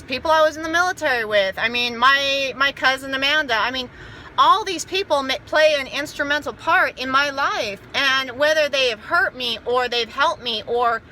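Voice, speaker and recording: An American woman giving an informal motivational talk to camera, earnest, rambling and halting, repeating herself as she goes. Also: high-pitched, bright, forceful tone, a little hiss or hum. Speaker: amateur motivational speaker.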